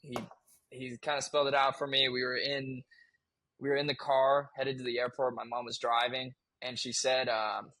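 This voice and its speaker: A man's voice: medium pitch, level tone, normal speed, bright, forceful tone, dry recording. A man in his twenties, a podcast guest, telling a personal story in casual chat, candid and swearing freely as he restarts his sentences.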